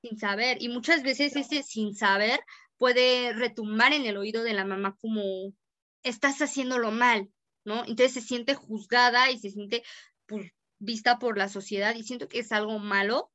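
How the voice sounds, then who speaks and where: A woman's voice: on the high side, steady tone, moderate pace, pushed and bright, dry recording. A young Mexican woman co-hosting a podcast, telling a story in casual chat full of slang. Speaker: podcast co-host.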